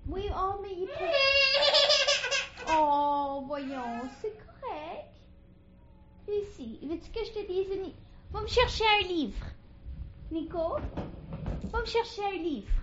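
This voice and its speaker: Mother, high coaxing sing-song baby talk, unhurried; echoey, dull home-video sound. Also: lively intonation, noisy background. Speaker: parent talking to a toddler.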